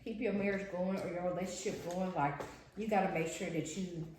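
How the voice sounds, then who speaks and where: In a very echoey indoor restaurant with faint background noise, a young pregnant woman co-hosting a vlog chats with viewers while she eats, often saying y'all. Her lowish voice has a darkish tone, fairly even intonation, and a slightly fast pace.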